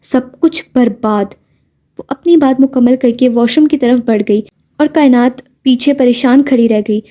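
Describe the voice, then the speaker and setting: A woman reads a romance novel aloud in steady scripted narration. Her voice is high-pitched but soft and warm in tone. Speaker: novel reader.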